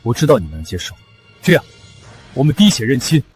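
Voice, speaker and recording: An actor playing a firm, commanding nobleman in a costume drama, with a husky voice. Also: mid-range voice, big pitch swings, a little fast, a little mellow, soft background music. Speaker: nobleman, second young master.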